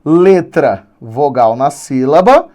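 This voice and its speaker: An animated man teaches Brazilian Portuguese grammar in an online lesson, pronouncing the key words slowly to make them stand out. His voice is a little high.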